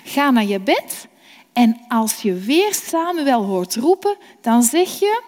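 A woman voicing Eli, a sleepy, calm old priest, in a storybook reading. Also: fairly high pitch. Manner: slow, sleepy, mild. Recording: long reverb.

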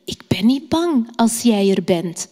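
A woman's voice: on the high side, sing-song, slow pace, warm tone, in a large hall, heavily acted. A woman doing a small scared boy at night. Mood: timid. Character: small frightened boy in bed.

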